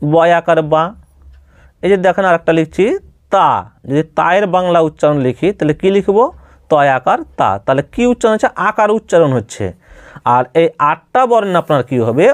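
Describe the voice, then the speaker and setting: Patient man teaching letter sounds slowly. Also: a little high, no room sound. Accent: Bengali. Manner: patient, repeats letters and asks the listener questions. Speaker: Quran reading teacher. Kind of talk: step-by-step spoken lesson.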